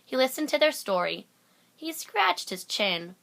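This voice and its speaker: Bright-voiced woman reading a children's story. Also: sits high, sing-song, unhurried, creaky. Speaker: storybook reader. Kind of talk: read-aloud children's story narration.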